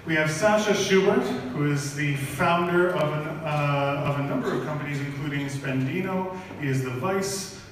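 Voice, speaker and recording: A man's voice: a little high, moderate pace, few pauses. A man with a Canadian accent hosting a live startup competition, upbeat and loose, stumbling over names. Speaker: event host. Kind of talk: live event emceeing. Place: large event hall. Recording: echoey hall, speaker far off, faint noise.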